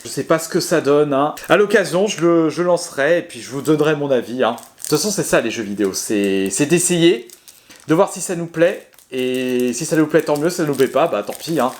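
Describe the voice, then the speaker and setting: A man's voice: fairly high pitch, animated, a little fast. A man casually showing his video game collection to his viewers, chatty and hesitant, with many fillers, restarts and self-mocking laughs. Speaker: gaming video creator. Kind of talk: casual talk to camera.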